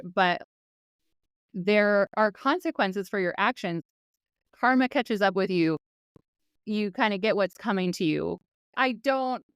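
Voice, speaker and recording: A woman's voice: mid-range voice, clear, resonant tone, dry recording, clean studio sound. A woman co-hosting a podcast, talking casually and with opinion about current events. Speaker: podcast co-host.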